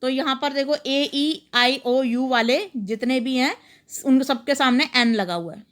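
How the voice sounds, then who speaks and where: A woman teacher, patiently explaining worksheet answers step by step and reading sentences slowly. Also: high-pitched, fairly bright tone. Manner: patient, explains each example step by step, reads English slowly.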